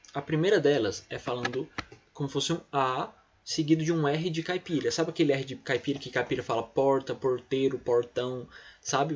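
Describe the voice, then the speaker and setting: A man's voice: medium pitch, husky, highs cut off. A man teaching an English class in Brazilian Portuguese, explaining step by step and often checking with "tá?" and "né?". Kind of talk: recorded remote lesson.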